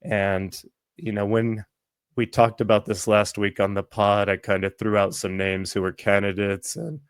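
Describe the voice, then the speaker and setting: Guy podcasting about college hoops, low monotone voice, kinda hoarse from allergies, lots of ums. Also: no echo. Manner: halting, many ums and restarts. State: losing his voice from allergies. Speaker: podcast host. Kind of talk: casual sports podcast talk.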